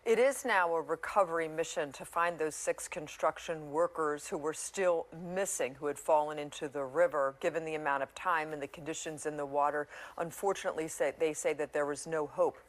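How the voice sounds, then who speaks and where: Low-voiced woman news anchor. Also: brisk, hardly any pauses. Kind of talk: live news presenting, partly conversational.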